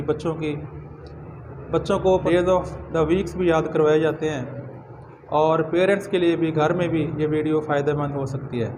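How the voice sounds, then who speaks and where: A man teaching English pronunciation in a spoken lesson, earnestly repeating each word slowly as a model. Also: high voice. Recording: noisy background ambience.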